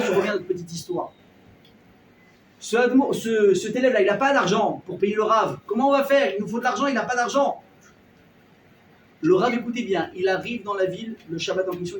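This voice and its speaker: Man preacher with a high voice, lively storyteller playing each character; roomy, off-mic sound. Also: slight background noise. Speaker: rabbi. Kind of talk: storytelling sermon. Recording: echoey room, voice a bit far from the mic.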